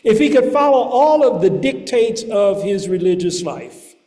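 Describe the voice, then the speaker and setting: A man with a rather high voice delivers a sermon at an unhurried, measured pace. His words ring out in a large church with a long, lingering reverb. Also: animated, mellow. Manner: slow, measured preaching with deliberate pauses. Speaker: preacher.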